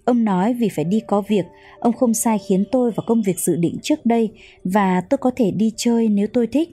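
A woman reading a novel aloud as narrator, in a calm, measured storytelling manner. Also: medium pitch, slightly rough, faint music behind. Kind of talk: audiobook narration.

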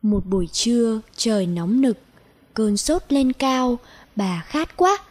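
Woman reading a kids' story, high voice, takes it slow and clear. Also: lively intonation, a little mellow. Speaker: narrator.

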